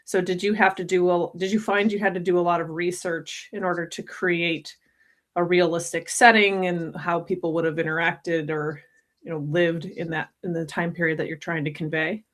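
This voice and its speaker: A woman's voice: on the low side, flat delivery, moderate pace. A woman hosting an interview, asking thoughtful, winding questions with restarts. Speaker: podcast host.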